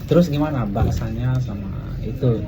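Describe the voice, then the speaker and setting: A male podcast host chats casually in Indonesian with a foreigner's West African accent. He mixes Javanese slang and bits of English into his talk. The recording has clear background noise. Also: medium pitch, fairly quick. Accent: foreigner speaking Indonesian, West African. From Africa, Mali. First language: not Indonesian. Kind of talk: casual chat interview. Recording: clearly noisy background ambience.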